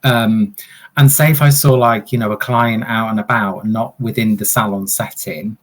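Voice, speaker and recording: A man's voice: fairly low pitch, steady tone, normal speed. A man, a hairdresser hosting a casual video-call chat, talking in loose, restarting sentences. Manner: chatty, many restarts and fillers. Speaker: host and hairdresser. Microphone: video call microphone.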